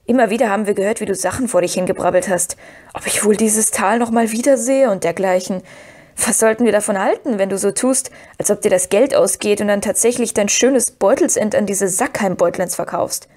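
A woman reading the part of Pippin, a cheeky young male hobbit with a teasing, lively way of talking. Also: mid-range voice, fairly quick, lightly acted.

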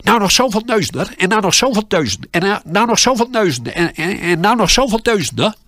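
A man's voice: sits high, lively intonation, sharp tone, dry recording, studio quality, pitched above the performer's own voice, exaggerated voice. A man mimicking chattering, nagging coworkers. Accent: Groningen dialect. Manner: rapid, repetitive nagging chant. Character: chattering factory workers repeating a refrain.

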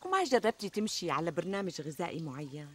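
An actress in a TV comedy drama plays a fast-talking, coaxing Syrian woman friend who is flattering, reassuring and chatty, in a conversational sketch set outdoors in a garden. Her voice is lowish, very animated and fairly bright, with a reassuring, curious mood. Outdoor ambience and the sound of trickling water fill the background.

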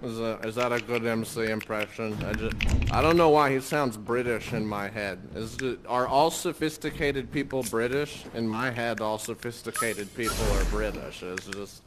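A man's voice: mid-range voice, moderate pace, noisy background. A man chatting casually in character during a roleplay game, jokey and rambling in an upbeat way. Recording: music playing behind.

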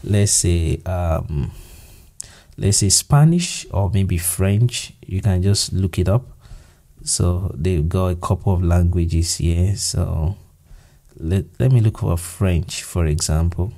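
A Nigerian man whose first language is Yoruba voices over a screen-recorded software tutorial in a low, gravelly voice. His tone is mellow and dark, and he takes it slowly, thinking aloud with easygoing fillers and restarts.

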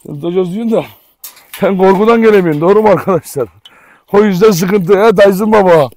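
A man's voice: sits high, fast, a little mellow, no echo. A man hosting a casual outdoor dog vlog, coaxing his dogs and talking to viewers by turns. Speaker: dog owner and channel host.

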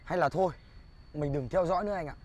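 A man's voice: fairly high pitch, quick pace, darkish tone, muffled recording, a little hiss or hum, natural voice. An actor playing a boastful husband who secretly fears his wife, speaking in a comedic short film. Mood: timid. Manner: boastful, coaxing.

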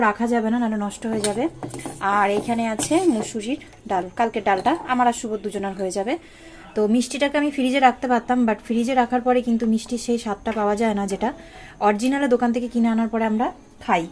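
Fast-talking Bengali woman vlogging at home. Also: a little high, a little mellow, a little hiss or hum. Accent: West Bengal Bengali. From West Bengal, India. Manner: chatty, addresses viewers as friends. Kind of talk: casual vlog chat to viewers. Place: home, indoors.

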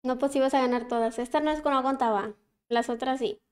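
A chatty Mexican woman with a high voice streams a game and calls out hellos to her viewers one after another. Her talk is casual and quick to react, over a faint hiss in the background. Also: fairly even intonation. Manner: chatty, warmly greets viewers by name. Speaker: gaming livestreamer. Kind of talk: casual livestream chat while playing.

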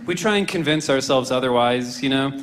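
The echoey room carries a medium-pitched, fairly quick male voice. He's a comedian in his twenties on a club stage with a handheld mic, doing dry, self-deprecating material loaded with "you know" and "I don't know," while the audience laughs between lines on this live recording with audible crowd noise.

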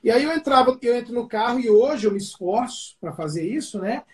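A man's voice: very high voice, animated, fairly quick. Man, Brazilian Portuguese accent, pastor, family advice talk, anecdotes, acts out quoted lines. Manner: storytelling, acts out quoted dialogue.

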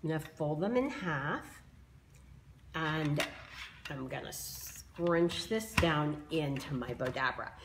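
Brief: middle-aged woman, slightly hoarse, friendly live craft demo host, lowish voice that swoops around a lot. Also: lively intonation, slow, over music. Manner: chatty, explains each step, greets viewers. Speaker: craft tool creator demonstrating bows.

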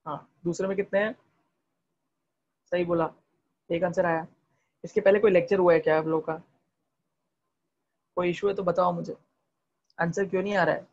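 Fast-talking Hindi chemistry teacher, gravelly. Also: male voice, sits high, steady tone, dull audio. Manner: quizzing students with repeated questions; mixes English terms into Hindi. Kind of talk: online class lecture. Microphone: video call.

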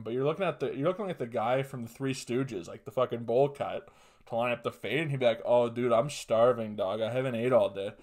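Young male podcast host from Canada, loose and profane, rambling comic anecdotes, home webcam sound. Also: mid-range voice. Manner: rambling, profane, animated storytelling. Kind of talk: casual comedic storytelling. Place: small room at home, indoors.

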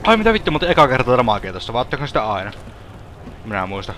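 A man's voice: mid-range voice, sing-song, noisy background. A man commenting on his own gameplay in a let's play, swearing and joking, often parroting the game's lines. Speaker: gaming streamer.

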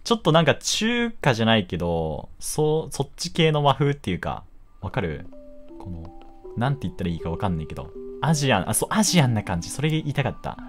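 A young man giving casual, jokey commentary while playing a game, quick to exclaim and laugh. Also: fairly low pitch, wildly swooping pitch, faint music behind.

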